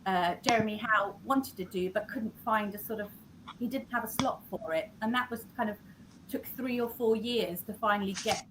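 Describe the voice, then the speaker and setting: A woman with a mid-range voice, a scriptwriter, talks about her work in a conversational interview over a video call, with background noise audible. She speaks haltingly, often correcting herself and restarting sentences.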